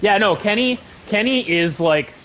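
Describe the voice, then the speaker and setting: A man co-hosting a live game stream in casual chat, easygoing and agreeable, laughing often and filling pauses with "like" and "um". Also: high-pitched, animated, fairly bright tone, a little hiss or hum, low-quality recording. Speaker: streamer co-host.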